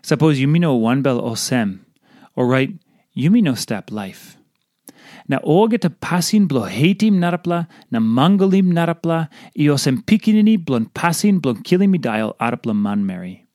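A man with a Papua New Guinean accent reading a scripted audio devotional, delivering it deliberately in short phrases. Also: a little high, big pitch swings, warm tone, no room sound, studio quality. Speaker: devotional reader.

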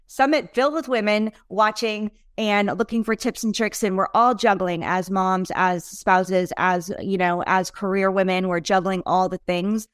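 A woman's voice: mid-range voice, clean tone, no echo, clean studio sound. A woman hosting a casual interview podcast, upbeat and encouraging, talking in long rambling runs. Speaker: podcast host.

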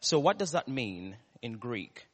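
A male preacher with a Ugandan, East African accent speaks in a reverberant hall. His delivery is slow and deliberate, with pauses and repeated key words. He turns to the congregation with questions as he preaches. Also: medium pitch, big pitch swings, fairly bright tone, slightly rough. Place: large reverberant room, live church service. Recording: echoey hall with long reverb.

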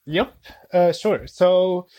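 A man in his twenties from Syria, a guest on a podcast, speaking English with many pauses, fillers and restarts. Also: high-pitched, mellow. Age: 20s. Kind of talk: casual interview.

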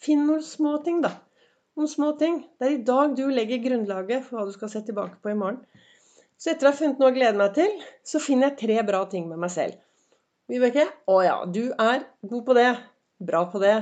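A woman hosting a podcast in a chatty, encouraging motivational monologue, her voice slightly hoarse and her throat often cleared, with many fillers. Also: a little high, a little mellow, muffled recording. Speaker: podcast host. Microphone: semi-pro recording setup.

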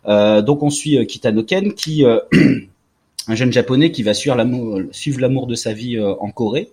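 A man in his forties co-hosting a casual chat, relaxed and talkative with many fillers. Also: medium pitch, normal speed, husky. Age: 40s. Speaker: podcast co-host. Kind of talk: casual chat about manga.

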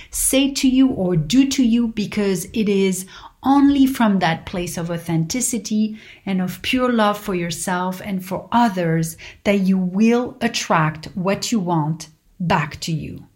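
A woman giving a motivational spiritual talk in a serene, guru-like manner, pausing deliberately between short phrases as she addresses her listeners. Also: medium pitch, darkish tone. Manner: addresses listeners directly as friends. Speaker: host sharing personal reflections.

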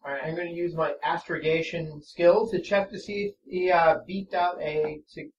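A man playing a tabletop game, with a deadpan manner. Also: a little high, normal speed. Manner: deadpan, flat monotone. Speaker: player. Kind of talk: casual tabletop play. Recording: distant, dull lo-fi mic with faint noise.

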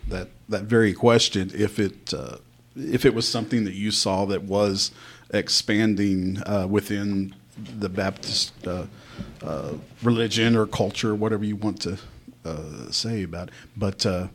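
A man interviewing casually, feeling his way through a question in halting, tentative phrases. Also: fairly low pitch, vocal fry. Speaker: interviewer, co-host.

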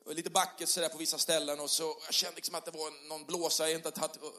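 A middle-aged male pastor preaching a sermon in a church hall, conversational with tag questions, rising to loud passionate peaks. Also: a little high, level tone. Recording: long hall reverb.

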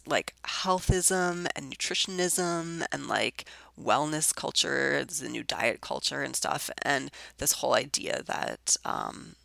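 Sick lady podcaster, super gravelly hoarse voice, dry close mic, lots of ums and likes. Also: deep voice, takes it slowly, few pauses, fairly bright tone, dry recording. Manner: rambling, with frequent ums and likes. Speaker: podcast host. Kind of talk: casual solo podcast chat.

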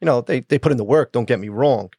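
A man's voice: medium pitch, fast, dark tone, husky, no room sound, clean studio sound. A man hosting a casual interview, asking encouraging, admiring questions. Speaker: interview host.

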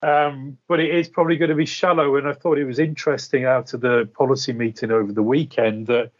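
A man's voice: medium pitch, fairly even intonation, fairly quick, lo-fi sound. A man speaking as a guest strategist, giving unscripted market commentary in a hesitant, hedging way. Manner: hesitant, hedging, repeats words as he thinks. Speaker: investment strategist, interview guest.

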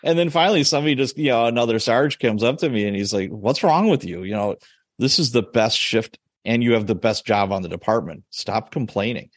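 A man's voice: mid-range voice, fairly quick, no echo, studio quality. A man in his forties hosting a podcast, chatting casually and laughing often as he tells stories. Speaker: podcast host. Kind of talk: casual interview chat.

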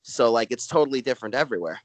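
Halting man with a Brooklyn accent. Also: mid-range voice, expressive, no room sound. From Brooklyn, New York. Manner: halting, rambling, peppered with "like". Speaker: stand-up comedian, podcast guest. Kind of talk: casual chat.

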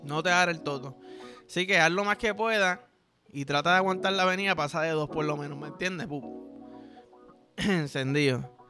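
A man's voice: on the high side, normal speed, pauses often, music in the background. A man with a Puerto Rican accent hosting a podcast, rambling through a crude comic monologue full of slang. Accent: Puerto Rican Spanish. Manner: rambling, vulgar, joking, heavy slang. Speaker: podcast host.

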